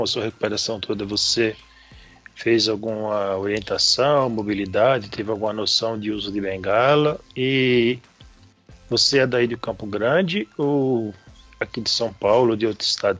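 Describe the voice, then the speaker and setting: A man's voice: on the low side, fairly even intonation, moderate pace, fairly bright tone, dull audio, soft background music. A man hosting a podcast, asking his guest questions in a friendly way. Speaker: podcast host. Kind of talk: interview questions.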